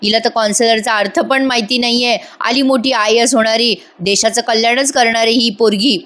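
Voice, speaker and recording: A stubborn middle-aged aunt scolds everyone loudly, fierce about her daughter, as a woman reads her lines in a TV serial recap. The voice sits fairly high. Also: steady tone, moderate pace, lightly acted. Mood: scolding. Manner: loud and scolding.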